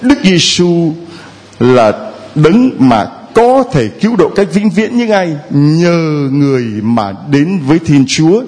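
A man who is a priest, giving a sermon and teasing people in the audience, sometimes chanting prayer lines slowly. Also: a little high, a little mellow. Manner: teasing, jovial, slow chant-like prayer phrases.

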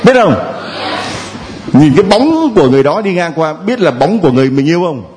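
Lively teasing priest, man preaching. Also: on the high side, a little fast. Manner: teasing, playful with the congregation. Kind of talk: sermon. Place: church.

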